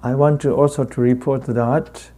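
A man with a heavy Tibetan accent, a native Tibetan speaker, giving a Buddhist dharma talk as a teacher in halting, deliberate phrases with long pauses. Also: medium pitch, steady tone, warm tone.

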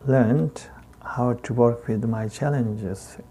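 Male Buddhist teacher, thick Tibetan accent, native Tibetan speaker, unhurried halting delivery, mellow timbre, dharma talk. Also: mid-range voice, steady tone, a little hiss or hum. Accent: heavy Tibetan. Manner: halting, deliberate phrasing with long pauses.

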